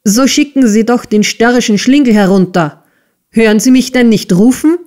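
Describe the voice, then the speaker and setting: A woman's voice: fairly high pitch, measured pace, voice pushed up, lightly acted. A woman playing a bellowing brutal schoolmaster. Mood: raging. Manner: shouting, sneering and bullying. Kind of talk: audiobook character reading.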